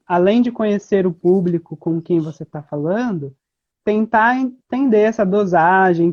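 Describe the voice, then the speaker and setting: A woman guest in a casual interview, explaining things in a relaxed way with many fillers over a video call. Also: lowish voice. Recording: slightly muffled audio.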